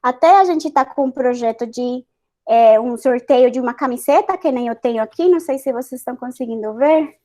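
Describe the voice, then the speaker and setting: Speaking Portuguese with the accent of her first language, Spanish, this woman appears as a scientist guest on an online panel over a video call. Her voice is high, brisk and mellow, and she talks earnestly while often hesitating and starting over.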